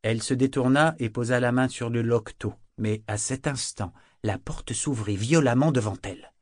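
A man narrating a novel in a measured, dramatic storytelling manner. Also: mid-range voice, darkish tone, no room sound. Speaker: audiobook narrator. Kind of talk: scripted narration.

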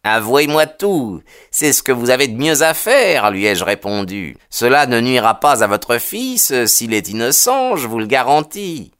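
A smug police detective, as an audiobook reader plays him, telling of his inquiry in a chatty, self-pleased way with small hesitations. His voice stays close to the narrator's own, with lively, animated intonation. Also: mid-range voice, unhurried, few pauses, clean tone. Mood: insistent. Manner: conversational, pleased with himself, hesitant fillers.

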